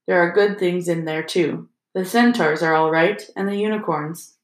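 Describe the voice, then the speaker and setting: A woman's voice: on the low side, normal speed, close to an everyday voice. A woman reading the part of a determined teenage boy wizard who speaks firmly, in an audiobook. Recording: roomy echo.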